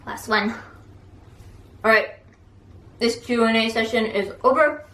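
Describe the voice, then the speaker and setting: A woman's voice: on the high side, measured pace, a bit bright. Chatty young woman vlogging in a roomy space. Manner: chatty, frequent "like" fillers. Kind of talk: casual vlog chat. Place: home, indoors. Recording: roomy echo, distant from mic, faint noise.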